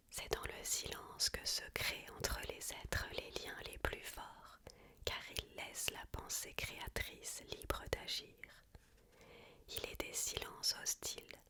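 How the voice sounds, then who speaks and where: A woman reads a book aloud as ASMR in a hushed, unvoiced library whisper, phrasing each sentence with care. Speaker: ASMR reader.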